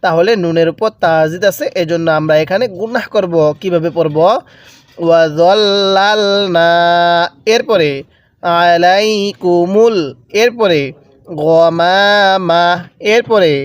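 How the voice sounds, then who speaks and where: A man teaching Quran reading in a step-by-step lesson, chanting each word slowly and drawn out, then explaining the rules in plain talk. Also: high voice, dry recording. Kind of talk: slow step-by-step recitation lesson.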